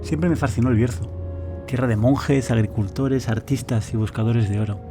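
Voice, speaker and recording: A man's voice: mid-range voice, normal speed. A man delivering scripted, reflective and poetic narration in the manner of a nature documentary. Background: background music.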